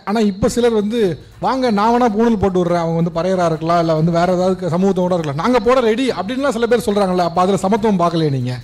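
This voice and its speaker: A young male interviewer with a high voice fires off challenging follow-up questions very quickly. He speaks into a handheld mic. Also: a little mellow.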